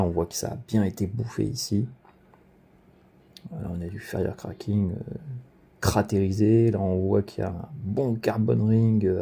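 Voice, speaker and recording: A man with a somewhat low, gravelly voice talks through his rifle in a loose, off-the-cuff video commentary. His tone is very dark and mellow, and he keeps restarting his sentences with fillers. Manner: rambling, many fillers and self-corrections. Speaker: gun collector presenting his rifle.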